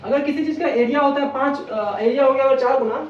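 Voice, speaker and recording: A man's voice: very high-pitched, fast talker. Guy doing a maths exam lesson, keeps asking then answering his own questions, echoey room, sounds far off and dull. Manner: repeats questions to the viewer and answers them, stepwise explaining. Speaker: maths teacher. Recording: roomy, distant, dull lo-fi sound, faint noise.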